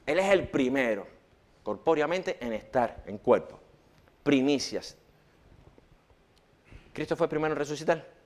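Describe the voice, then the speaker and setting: A man preaching a sermon in church, swinging between loud rhetorical questions and hushed quotations. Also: fairly high pitch, animated, a little slow, long pauses.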